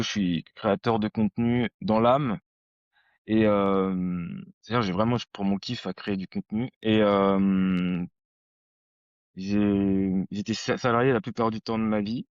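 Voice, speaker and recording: A man's voice: lowish voice, no echo, highs cut off. A man in his thirties hosting a podcast, chatting casually in a slangy, rambling storytelling way. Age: 30s. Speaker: podcast host. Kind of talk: casual conversation.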